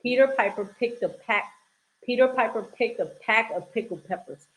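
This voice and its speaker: A woman's voice: fairly high pitch, moderate pace, poor audio. A woman co-hosting a casual podcast chat, laughing as she stumbles through tongue twisters. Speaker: podcast co-host.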